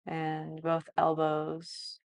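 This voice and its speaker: Woman, yoga teacher, sleep story narrator manner, guided relaxation, hushed, soothing, very slow, even intonation, long pauses. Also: low voice, vocal fry.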